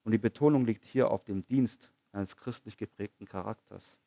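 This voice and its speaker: An earnest man delivers a sermon in a fairly low voice, building his points with rhetorical questions and repeated phrases. He slows down to stress key lines. The recording is close and dry, with a slightly dull, muffled tone. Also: gravelly, dark tone, no echo. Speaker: preacher.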